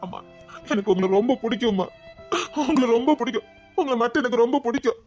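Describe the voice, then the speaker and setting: A woman's voice: fairly high pitch, quick pace, darkish tone, highs cut off, faint music behind, lightly acted. Woman voicing an angry, pleading grown son. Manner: pleading, accusing. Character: angry, hurt grown son, bitter toward his father. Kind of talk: dubbed serial drama.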